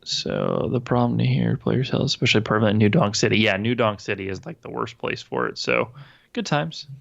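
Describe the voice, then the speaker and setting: Low gravelly man, rambling podcast co-host. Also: animated, a little fast, lo-fi sound. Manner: rambling, profane, full of fillers and restarts. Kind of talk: casual gaming podcast chat.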